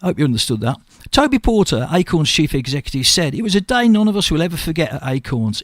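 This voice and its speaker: A man hosting a local radio show from the studio, with a West Midlands English accent, croaky from a cold, chatting and reading news items with slips and restarts. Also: fairly high pitch, dry recording. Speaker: radio host.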